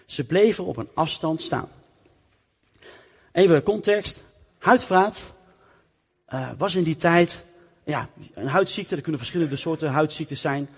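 A man preaching a sermon, telling a Bible story in a lively way and acting out its people. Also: a little high, measured pace, pauses often, husky. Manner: lively storytelling, acts out the characters. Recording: long reverb of a hall.

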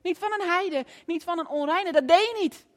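A woman preacher delivering a lively storytelling sermon in a church, often asking the audience questions. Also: extremely high pitch, normal speed, long reverb tail.

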